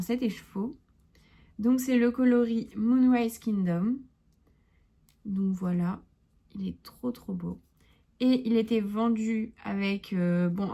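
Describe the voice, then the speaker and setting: A woman's voice: medium pitch, a little mellow. A young woman chatting casually about her knitting projects and wool purchases, hesitant and full of fillers. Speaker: knitting podcaster. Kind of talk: casual chat.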